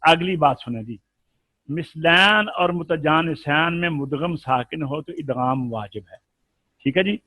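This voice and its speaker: A man teaching Quran recitation rules in a live lesson with an Urdu accent, explaining patiently and then chanting the examples slowly. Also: fairly high pitch, pushed and bright, dry recording.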